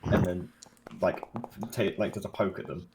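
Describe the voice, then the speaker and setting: Hesitant low-voiced man playing a tabletop game. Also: fairly even intonation, normal speed, heavy background noise. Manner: hesitant, questioning. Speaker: player.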